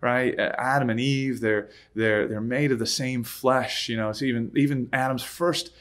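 A man's voice: mid-range voice, steady tone, normal speed, a bit bright. Casual man teaching a Bible study. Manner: conversational, with frequent "uh" fillers and self-corrections; reads scripture aloud, then explains it informally.

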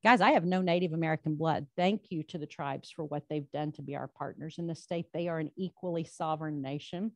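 Standing at a podium in a meeting room, a low-voiced woman serving as state labor commissioner gives a speech to a club, followed by audience questions. Speaking a little fast with hardly any pauses, she is folksy, emphatic and self-deprecating; her handheld mic picks up no room sound.

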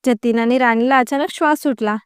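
A woman narrating a story in an even, unhurried reading voice. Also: fairly high pitch, clear, resonant tone, dry recording, clean studio sound.

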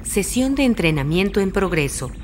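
A woman voicing a calm, officious spaceship training computer in a video game, giving measured, impersonal scripted instructions. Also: medium pitch, close to an everyday voice.

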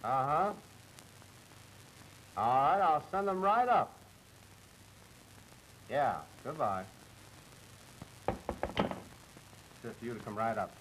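An easygoing gangland fixer. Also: male voice, mid-range voice, animated, takes it slowly, long pauses, a bit bright, slight background noise, rough recording. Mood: businesslike. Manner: easygoing, casual, talks business on the phone. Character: smooth male fence, obliging gangland fixer.

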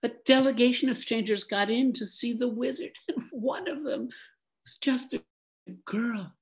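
A man voicing an excitable fourteen-year-old boy who rushes to share gossip, read aloud from a book. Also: very high voice, creaky, pitched above the performer's own voice, heavily acted. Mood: eager gossip.

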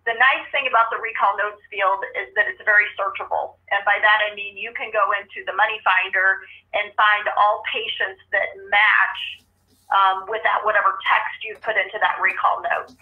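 A woman trainer on a speakerphone, patiently explaining software steps one at a time during a live training call. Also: mid-range voice, steady tone, moderate pace. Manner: patient, practical, explains step by step. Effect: heard over a speakerphone. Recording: muffled speakerphone line.

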